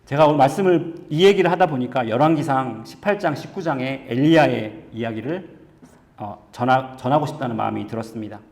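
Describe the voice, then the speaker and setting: A man's voice: mid-range voice, a little fast, gravelly, a little mellow, big-room sound. A male pastor giving a sermon in an earnest, storytelling manner, moving from personal anecdote to scripture. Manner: earnest storytelling, conversational preaching.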